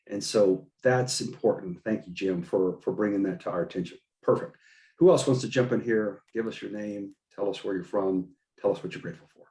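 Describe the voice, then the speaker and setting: A man's voice: lowish voice, brisk, dark tone, roomy sound. A man hosting a group video call, encouraging and upbeat, coaching his listeners and often repeating his words. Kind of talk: motivational coaching talk.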